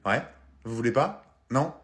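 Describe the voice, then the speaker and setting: A man voicing a hesitant male coin buyer in a comedy sketch, low, mumbling and full of filler. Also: expressive, a little slow, close to an everyday voice. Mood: haggling.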